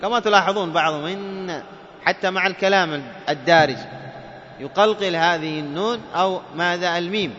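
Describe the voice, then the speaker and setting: A man teaching the rules of Quran recitation. He quizzes listeners with questions and chants the examples slowly. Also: high-pitched, fairly bright tone, slight background noise. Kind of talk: tajweed lesson. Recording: dull lo-fi sound with long reverb.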